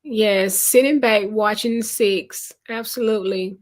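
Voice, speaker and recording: Unhurried woman hosting a live chat. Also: fairly high pitch, fairly even intonation. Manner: greets viewers by name, reads chat aloud; unhurried, conversational. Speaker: livestream host. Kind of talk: casual live-stream chat.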